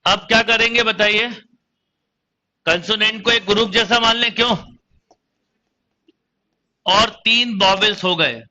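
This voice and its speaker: A man's voice: sits high, measured pace, pauses often, pushed and bright, lo-fi sound. A young man with a Hindi accent teaching math in an online coaching lecture, calling students "beta" and counting through each step aloud. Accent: Indian Hindi.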